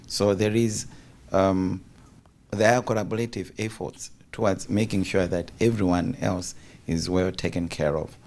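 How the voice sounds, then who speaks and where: A man's voice: sits low, steady tone, measured pace, darkish tone. A man reflecting on a studio panel as a visiting fellow, searching for words at an uneven pace.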